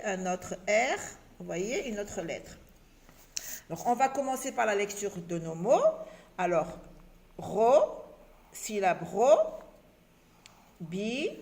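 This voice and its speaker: A woman teaching a beginners' reading lesson, patiently sounding out letters and syllables one at a time. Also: mid-range voice.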